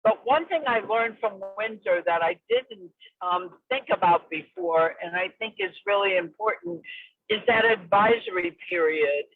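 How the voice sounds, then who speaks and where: A woman's voice: mid-range voice, a little slow. Woman on a tinny car speakerphone. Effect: phone call from a car speakerphone. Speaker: meeting participant. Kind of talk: casual remarks in an online meeting. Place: in a car while driving. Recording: tinny dry phone line from a car.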